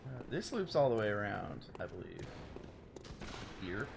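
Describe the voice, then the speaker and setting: A young man chatting casually through a game stream, rambling and excitable, exclaiming at the game as he plays at home. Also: fairly low pitch, measured pace, creaky, noisy background. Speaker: let's play streamer. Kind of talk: casual gameplay commentary. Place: home room.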